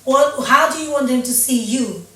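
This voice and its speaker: A woman hosting a studio interview, speaking slowly and affirming the guest by echoing her words. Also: sits high, fairly bright tone. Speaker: talk show host. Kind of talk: interview, encouraging backchannel. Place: studio set with sofa. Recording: very echoey studio, heard from a distance.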